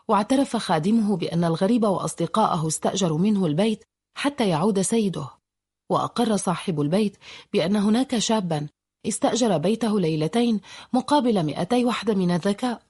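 A woman's voice: medium pitch, a little mellow, breathy edge, lightly acted. A woman voicing a cool, matter-of-fact young woman in a storybook reading. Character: cool, guarded young woman from the poor north.

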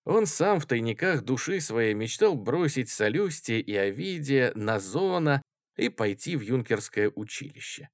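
A man narrates a novel in a lively, expressive reading voice, with pitch moving freely through each sentence. He gives every character a voice of its own. The recording is dry and close to the mic. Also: measured pace, no room sound. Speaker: audiobook reader.

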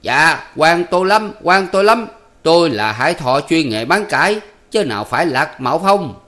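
A man's voice: fairly high pitch, sing-song, moderate pace, bright, forceful tone, voice pushed up. Man doing a timid young village lad. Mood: pleading. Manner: pleading, tearful protesting.

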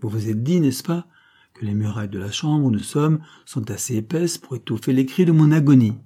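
A man's voice: mid-range voice, animated, brisk, warm tone, breathy edge. A man reading an audiobook voices a cold, implacable scheming creole woman who speaks in a cool, threatening, commanding way. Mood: coldly threatening.

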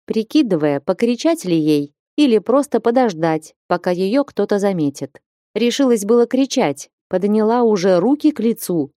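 A woman narrating a fantasy novel as an audiobook in steady storytelling. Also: medium pitch, dry recording, studio quality.

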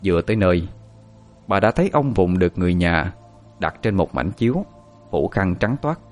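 Low-voiced storyteller. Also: male voice, sing-song, moderate pace, darkish tone, faint music behind. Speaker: narrator. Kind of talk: storytelling narration.

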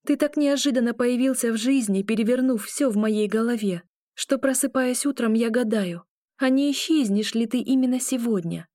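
A woman's voice: fairly high pitch, moderate pace, warm tone, dry recording, clean studio sound, voice pushed up, close to an everyday voice. A woman voicing a frightened, hot-tempered young witch in a raised, emotional delivery. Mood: anxious, tender.

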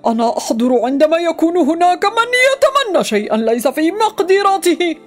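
Cunning male jinn, voiced by a woman, very high and sly, storybook. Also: sing-song, brisk, faint music behind. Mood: enticing. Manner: crafty, bargaining. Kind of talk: storybook voice acting.

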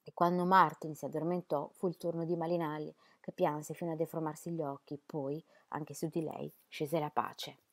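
A woman narrating an audiobook in a measured, expressive reading voice. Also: deep voice. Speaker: audiobook reader.

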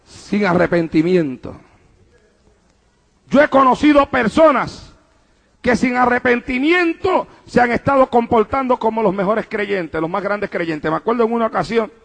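A man's voice: high-pitched, vocal fry, a bit bright. A male pastor preaching a fervent sermon to a congregation, with repeated refrains and calls of praise. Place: church service before a congregation.

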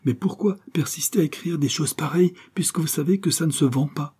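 A man's voice: mid-range voice, expressive, fairly quick, mellow, husky, pitched above the performer's own voice. Man voicing a proper, reproachful young woman.

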